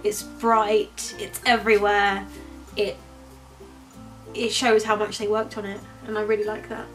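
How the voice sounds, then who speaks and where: A woman's voice: medium pitch, monotone, unhurried, soft background music, low-quality recording. A woman co-hosting a casual review vlog, chatty and candid, laughing easily. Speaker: vlogger co-host.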